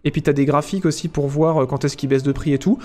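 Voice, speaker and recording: A man's voice: fairly high pitch, steady tone, fast, warm tone. A man chatting casually with his livestream audience, playful and talkative, tossing in little sound effects as he goes. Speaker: livestreamer answering chat.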